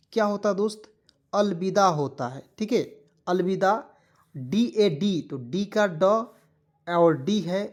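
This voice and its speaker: Man drilling learners with quiz questions. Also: sits high. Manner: drills viewers with repeated quiz questions and "clear?" checks; spells words letter by letter and says them slowly. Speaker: English teacher. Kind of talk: online spoken-English lesson in Hindi.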